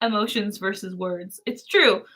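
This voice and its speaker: A woman's voice: mid-range voice, a little slow, a bit bright. A woman chatting casually as a livestream co-host, reflective and loosely phrased with a giggly manner.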